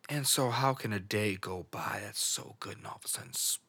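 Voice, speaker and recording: A man hosting a podcast, talking without a plan in an emotional, halting monologue that keeps trailing off and repeating itself. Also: on the low side, bright, forceful tone, breathy edge, whispered. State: emotional, on the edge of tears. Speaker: podcast host. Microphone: studio microphone.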